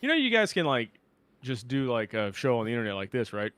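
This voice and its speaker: A man's voice: mid-range voice, very animated, fast, fairly bright tone, dry recording. A man hosting a comedy podcast, teasing and exasperated as he interviews two guests in character.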